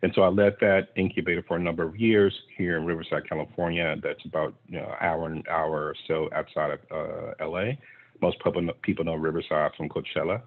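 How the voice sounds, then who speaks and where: A man's voice: low-pitched, level tone, a little fast. A man from Texas speaking on a panel as a clean tech investor, telling his story in an earnest, reflective way over a video call. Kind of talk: conversational panel talk. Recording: tinny video-call audio.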